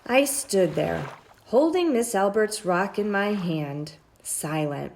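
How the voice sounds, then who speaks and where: Drawing out her phrases at a slow, measured pace, a storybook reader voices a children's tale with animated, highly expressive pitch movement. Her voice is a little mellow with some vocal fry, and faint noise sits under the recording.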